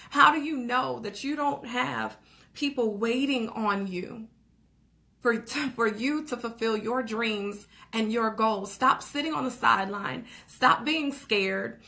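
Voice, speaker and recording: A young woman giving an urgent motivational talk about a book, pressing listeners to act, with quick laughs and frequent "okay?" and "like". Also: a little high, creaky, sharp tone. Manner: urgent, preachy, exhorting with repeated calls to action; laughs between phrases, says "okay?" and "like" often. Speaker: motivational vlogger.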